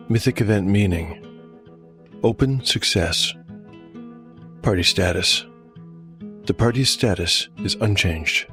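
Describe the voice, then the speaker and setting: A man acting as game master narrates a solo tabletop fantasy game, measured, reflective and clearly following a script. His voice is low with a sharp tone.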